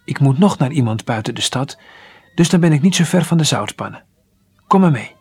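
A man voicing a kind, brisk male doctor in a read-aloud children's story, raising his voice higher for the part. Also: expressive, darkish tone, breathy edge.

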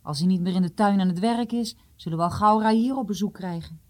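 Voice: mid-range voice, quick pace, a little mellow, natural voice. A storyteller voicing a sensible man who defends his leader's authority. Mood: practical.

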